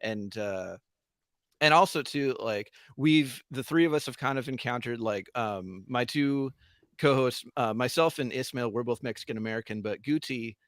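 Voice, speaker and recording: Man, from Southern California, podcast guest, mid-pitched, easygoing, dry. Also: normal speed, a bit bright, no room sound. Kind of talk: casual podcast chat.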